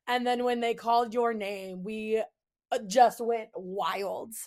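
Speaking slowly in a voice on the high side with fairly even intonation, this California podcast host, a young adult woman, chats eagerly with her guest. She agrees readily, warm-hearted and gushing.

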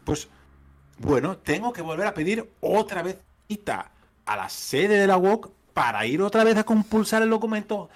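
Guy ranting through a story, kinda high voice, keeps repeating himself, fired up. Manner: animated, indignant, repeats words. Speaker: podcast guest telling a story. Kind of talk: casual storytelling chat.

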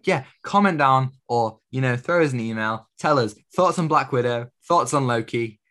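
A young man co-hosting a casual film podcast. He rambles along and keeps correcting himself as he wraps up an episode. His voice sits at an ordinary middle pitch. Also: expressive, moderate pace, fairly bright tone. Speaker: podcast co-host. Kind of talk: casual chat.

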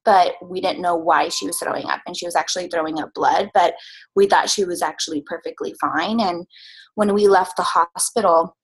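A woman's voice: lowish voice, steady tone, moderate pace, breathy edge, poor audio. A woman of thirty talking casually in an interview, hesitant with many ums, open and reflective. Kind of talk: casual conversation.

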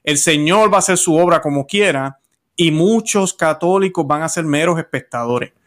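A man interviewing a priest, agreeing and reflecting in a measured, conversational way. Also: fairly high pitch.

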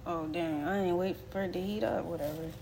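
A woman's voice: on the low side, fairly even intonation, a little fast, gravelly, darkish tone, slight background noise. A young woman chatting casually in a home kitchen, laid-back and slangy, rambling as she cooks. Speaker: vlogger. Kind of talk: casual chat while cooking.

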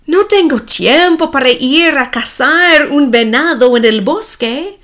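A woman voicing a tired, fearful father who speaks softly and apologizes to his son. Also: high voice, animated, slow pace, pitched above the performer's own voice, full character voice. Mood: apologetic.

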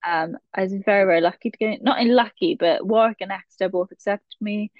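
Fast-talking and mid-range, a Welsh podcast guest in her 20s with a Valleys accent chats casually, rambling and laughing at herself. There's no room sound, and the dry audio is kind of muffled.

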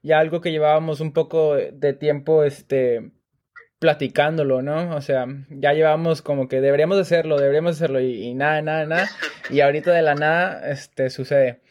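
A man from Monterrey, co-hosting a loose soccer podcast. His voice sits a little high for a man. He talks in a relaxed, rambling way, full of fillers. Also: brisk. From Monterrey, Mexico. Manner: relaxed, chatty, many fillers. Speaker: podcast co-host. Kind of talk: casual soccer chat.

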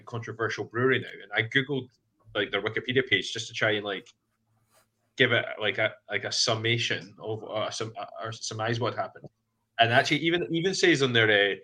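A man's voice: on the low side, pushed and bright. A Scottish man hosting a casual podcast chat, rambling a little and often hesitant. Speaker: podcast host.

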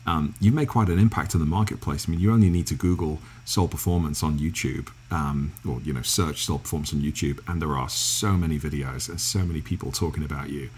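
English guy w a deep husky voice, lots of "you know"s, chatting w a guest. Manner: halting, lots of restarts and fillers. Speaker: interviewer. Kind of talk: casual interview.

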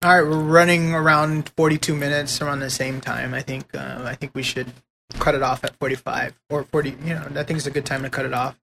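A man co-hosting a casual podcast, easygoing and quick to laugh, rambling a little as he talks. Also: a little high, steady tone, creaky, background noise. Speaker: podcast co-host.

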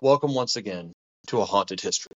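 A man's voice: on the low side, brisk, a bit bright, muffled recording. A man hosting a podcast, reading a scripted spooky introduction like a horror host, ominous and theatrical. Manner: theatrical, ominous storyteller delivery.

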